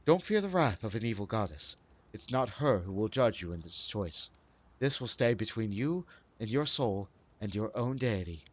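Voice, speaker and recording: A man's voice: lowish voice, big pitch swings, moderate pace, highs cut off, pitched below the performer's own voice. A man reading the lines of a stern, righteous adventurer in a solemn, commanding way.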